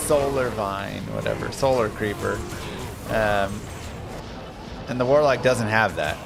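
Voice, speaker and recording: A man's voice: fairly low pitch, measured pace, creaky. A man talking casually as a game streamer, rambling along in informal gamer slang. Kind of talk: casual live-stream chat about a video game. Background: music.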